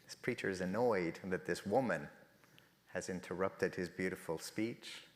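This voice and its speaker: A middle-aged Iranian man whose first language is Persian speaks earnestly at a faith festival, telling stories with rising emphasis in a reflective talk. His voice sits low, his speed is normal, and the sound carries the feel of a big room.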